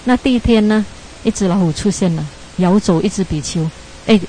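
Woman, meditation teacher, relaxed mellow voice; casual storytelling dharma talk, laughs off her slips. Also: mid-range voice, a little fast, slight background noise, rough recording. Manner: chatty, ends phrases with tag particles, laughs at own slips.

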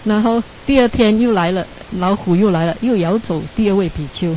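A woman's voice: mid-range voice, a little fast, warm tone, a little hiss or hum, low-quality recording. A woman giving a Buddhist dharma talk as a meditation teacher, telling a story in a chatty way, ending phrases with tag particles and laughing at her own slips.

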